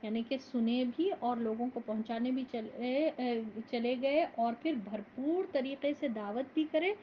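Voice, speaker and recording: A woman teaching a Quran commentary lesson in a measured, explanatory way, mixing in English words. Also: fairly high pitch, slight background noise. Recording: dull lo-fi recording.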